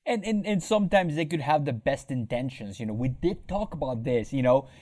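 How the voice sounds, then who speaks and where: Young man, podcast host, mellow voice, easygoing chat. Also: mid-range voice, brisk. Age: young adult. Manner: relaxed, conversational, repeats words. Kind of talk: casual interview talk.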